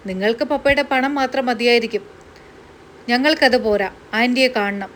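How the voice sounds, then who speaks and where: An earnest young daughter, as a woman reads her, pleading steadily and firmly. The voice is fairly high, with a faint hiss in the background. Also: normal speed, fairly bright tone, close to an everyday voice.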